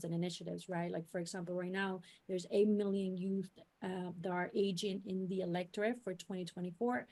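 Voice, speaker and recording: A woman with a medium-pitched, darkish voice, raised in New York City, answers on a panel as a youth civic organizer. She explains things earnestly, with many fillers and restarts.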